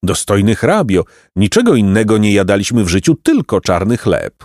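A man voicing a shrewd, flattering young wanderer in an audiobook. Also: on the low side, moderate pace, no room sound, clean studio sound. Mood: sly. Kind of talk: audiobook character reading.

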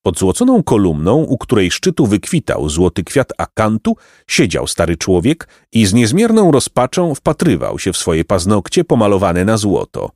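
A man narrating a storybook in an expressive, theatrical way. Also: lowish voice, moderate pace, few pauses, dry recording, studio quality. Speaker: audiobook narrator.

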